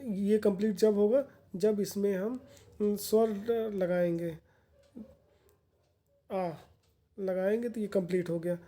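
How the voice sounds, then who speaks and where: A woman's voice: medium pitch, steady tone, unhurried, mellow. A woman teacher giving a grammar lesson for exam candidates, explaining patiently and repeating points in plain words.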